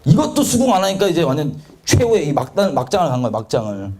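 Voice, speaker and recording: Animated Korean man preaching a testimony. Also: fairly high pitch, fast. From South Korea. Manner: animated, confessional, acts out quoted voices. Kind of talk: testimony sermon.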